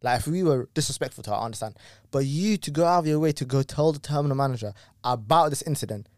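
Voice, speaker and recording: A young man telling a work story in casual chat, animated and ranting, full of slang and swearing. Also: medium pitch, fast, dry recording, clean studio sound.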